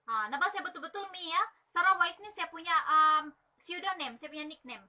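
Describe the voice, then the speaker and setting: A woman's voice: very high-pitched, fairly quick. A young woman hosting a chatty live stream as a corset sales agent, telling stories and acting out other people's lines. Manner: lively, acts out other people's lines in quotes.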